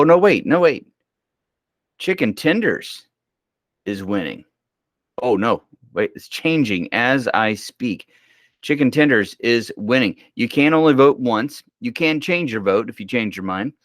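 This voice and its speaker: A man's voice: lowish voice, a bit bright, no echo, clean studio sound. A man hosting casual school homeroom news, chatty and joking, sleepy and yawning as he reads announcements.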